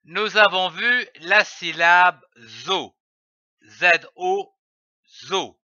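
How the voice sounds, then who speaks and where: Slow, bright-voiced man teaching phonics. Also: high voice, dry recording, lo-fi sound. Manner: spells letters and syllables slowly and carefully. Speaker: reading teacher. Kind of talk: slow syllable-by-syllable phonics lesson.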